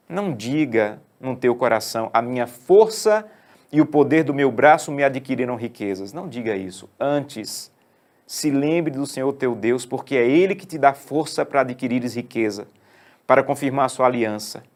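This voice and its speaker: A man preaching a sermon, swinging from hushed, slow phrases to emphatic raised lines. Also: medium pitch. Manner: preaches with wide swings from hushed to emphatic, slowing on key words.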